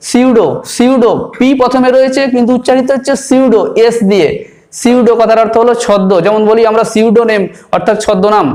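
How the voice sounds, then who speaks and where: A man gives a patient pronunciation lesson. His voice sits fairly high. He spells each word letter by letter and says it again before moving on. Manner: slow, spells out words letter by letter and repeats them. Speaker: English pronunciation tutor. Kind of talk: explanatory spoken lesson.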